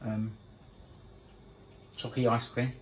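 A man's voice: medium pitch, little pitch movement, takes it slowly, slight background noise. A man from Sussex, co-hosting a home vlog in his kitchen with dry, joking asides. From Sussex, England. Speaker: vlog co-host. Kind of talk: casual home vlog chat.

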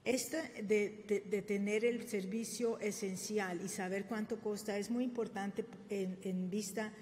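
An older woman gives a formal podium presentation as a conference speaker in a government press room, frequently using fillers and correcting herself. Her mid-range voice is steady, measured and a little mellow. The podium mic picks up a reverberant room, faint ambience and a little hiss or hum.

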